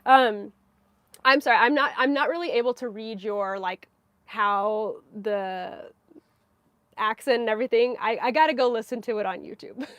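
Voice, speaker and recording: A woman's voice: fairly high pitch, moderate pace, fairly bright tone, no room sound. A woman hosting her knitting podcast live, chatting casually with frequent little laughs and fillers. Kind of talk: casual live-stream chat.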